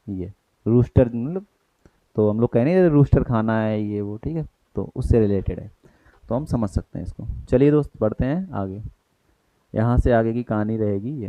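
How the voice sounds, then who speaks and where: A man's voice: mid-range voice, mellow, no room sound, lo-fi sound. A man with an Indian accent teaching an exam-prep grammar lesson, explaining in Hindi with English terms and asking and answering his own questions.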